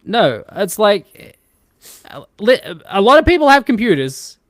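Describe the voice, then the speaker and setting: A woman's voice: medium pitch, very animated, measured pace, no room sound, studio quality. A woman co-hosting a casual podcast chat, exasperated, swearing a lot and laughing easily. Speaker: podcast co-host.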